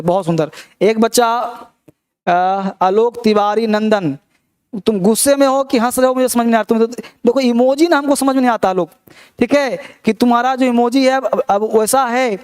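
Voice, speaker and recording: A man's voice: high voice, a little mellow, smooth. A man teaching English grammar in a live online class, reassuring his students, repeating his points and quizzing them.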